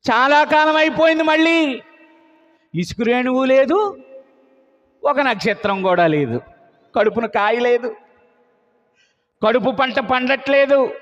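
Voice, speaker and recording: A man's voice: very high voice, expressive, slow pace, long pauses, a bit bright. A male preacher telling a Bible story as a sermon, often posing questions and answering them himself. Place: church meeting. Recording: muffled sound with long hall reverb.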